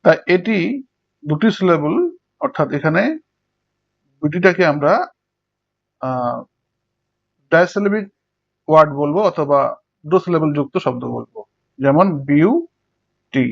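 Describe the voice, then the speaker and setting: Speaking at a fairly high pitch with vocal fry, a male teacher delivers a Bengali lecture on English prosody, breaking it down step by step and working examples for his students. His pace is unhurried with long pauses, heard through a dull lo-fi recording.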